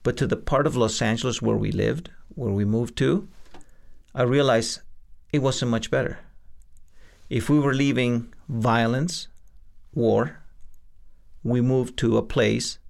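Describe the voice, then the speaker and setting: A middle-aged man from El Salvador, speaking in a gravelly voice. He answers earnestly and slowly, pausing often with fillers. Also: mid-range voice, steady tone. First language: Spanish. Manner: earnest, hesitant with many fillers. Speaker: guest, lawyer and adjunct law professor. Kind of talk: reflective interview answers.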